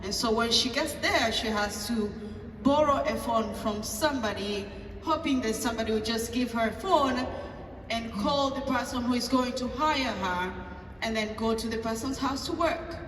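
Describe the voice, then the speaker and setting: A woman pastor with a Tanzanian accent speaks at a moderate pace in a somewhat bright, higher-pitched voice, telling a personal story at a table talk. She acts out the dialogue with hesitant fillers, recorded from far off in an echoey hall with faint ambience and slight background noise.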